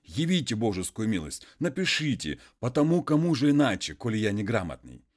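A man voicing an illiterate peasant man who wheedles and pleads in folksy, drawn-out speech. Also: fairly low pitch, big pitch swings, pitched above the performer's own voice. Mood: pleading.

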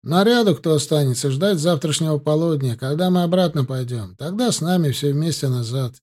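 A narrator puts on a grumbling soldier who reports orders flatly. His voice is dark, mellow and a little husky. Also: a little high, a little fast, natural voice. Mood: reporting. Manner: grumbling, matter-of-fact reporting. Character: male border soldier, grumbling.

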